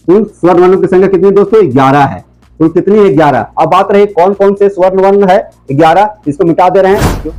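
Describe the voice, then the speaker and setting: A high-pitched male teacher walks his viewers through a grammar lesson. He keeps asking questions and answering them himself, and he drags out words when dictating. Soft music plays faintly underneath. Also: rough recording. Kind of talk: classroom lesson.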